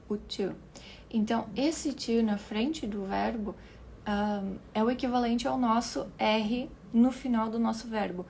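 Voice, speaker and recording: Woman teaching a lesson online, slightly high voice, takes it real slow, repeats words. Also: darkish tone, a little hiss or hum. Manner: patient explaining, repeats words slowly for pronunciation; checks in with listeners often. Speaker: English teacher.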